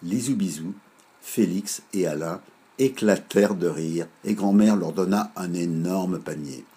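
A man reading a children's story aloud in a measured, lively way. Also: sits low, husky.

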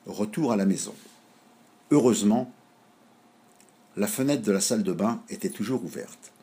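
Husky man reading a children's story. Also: fairly low pitch, normal speed. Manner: animated, expressive reading.

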